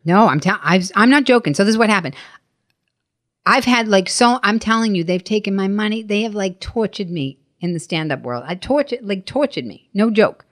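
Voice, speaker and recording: A middle-aged woman, a stand-up comedian guesting on a podcast, recounts anecdotes in an animated medium-pitched voice at normal speed. She's forthright and emphatic, swears liberally, and gives voice to the dialogue she quotes.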